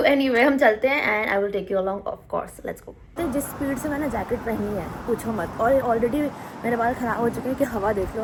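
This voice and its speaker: Chatty young woman vlogging on a phone. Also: medium pitch. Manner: chatty, excitable, thinks aloud. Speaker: travel vlogger. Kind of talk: casual travel vlog chat. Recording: noisy street and room ambience.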